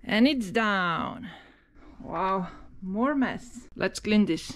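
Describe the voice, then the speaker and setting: A woman's voice: medium pitch, animated, extremely slow. A Slovenian woman, a native Slovene speaker, chattily talking herself through her chores in casual English self-narration, with frequent exclamations. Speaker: vlogger narrating her own home projects.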